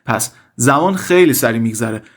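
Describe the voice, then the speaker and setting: A man teaching a language lesson, speaking at a middle pitch. He says each example phrase slowly and carefully, then rattles off a quick, casual explanation, calling his students "kids". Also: animated. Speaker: English teacher.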